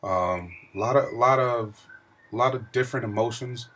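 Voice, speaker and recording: A man's voice: medium pitch, a little slow, fairly bright tone. A middle-aged man chatting casually to his viewers in a video diary, with an informal, emphatic storytelling manner. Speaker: vlogger.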